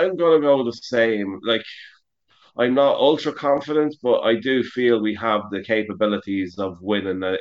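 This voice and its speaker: A lower-pitched man rambles through his football opinions on a podcast, stacking "like" and "you know" as he goes. The sound is a little muffled, the way an internet call comes through. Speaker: podcast co-host. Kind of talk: casual sports chat. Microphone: remote call over the internet.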